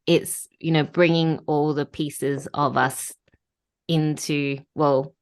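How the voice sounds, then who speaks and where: A woman's voice: deep voice, flat delivery, slow, smooth. A woman hosting an interview, affirming and reflective. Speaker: podcast host.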